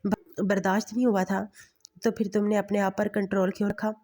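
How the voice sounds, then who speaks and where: A woman's voice: medium pitch, little pitch movement, warm tone, natural voice. A woman voicing a stern young husband who scolds in hard, clipped sentences.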